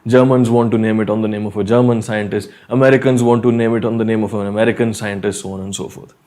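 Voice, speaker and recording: A man's voice: lowish voice, fairly even intonation, quick pace, darkish tone. A man with a North Indian accent teaching an informal online chemistry lesson, chatty, repeating key points and checking in with okay and yeah.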